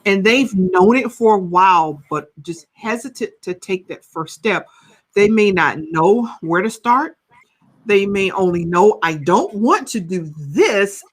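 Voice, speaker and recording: Her pitch is medium and her pace measured as she, a counselor and coach in her fifties, shares lively stories on a podcast interview. A rhetorical "right?" punctuates her talk again and again.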